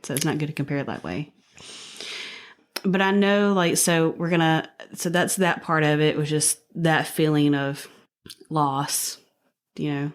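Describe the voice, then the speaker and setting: A woman in her thirties with a fairly low voice, hosting a faith podcast. She responds to her guest with empathy and agreement, and she laughs often. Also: measured pace, pauses often. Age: 30s. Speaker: podcast host. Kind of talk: conversational interview.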